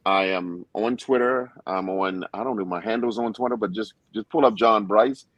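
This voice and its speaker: A man's voice: on the low side, moderate pace, a bit bright, dry recording. A man speaking earnestly as a panelist in a discussion, with a preacher-like emphasis.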